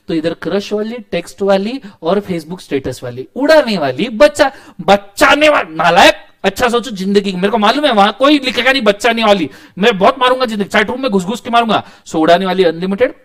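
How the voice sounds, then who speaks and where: A man with a fairly high voice teaches a live online law class. He teases and scolds his students in a joking way while he drills the key terms. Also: a bit bright.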